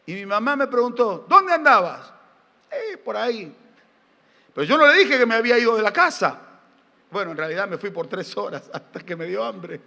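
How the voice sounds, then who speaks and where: A middle-aged Argentine pastor preaching with a high, ringing voice. He fires rhetorical questions at the congregation and mixes in folksy, humorous family stories. The sound carries the long reverb of a church hall. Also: fast, gravelly, bright, forceful tone. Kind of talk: sermon. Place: church sanctuary during a live service.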